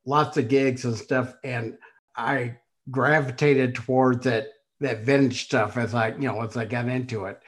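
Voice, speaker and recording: A man's voice: medium pitch, fairly even intonation, a little slow. Hesitant man hosting an interview. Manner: hesitant, filler-heavy questions. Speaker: podcast host. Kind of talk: casual interview.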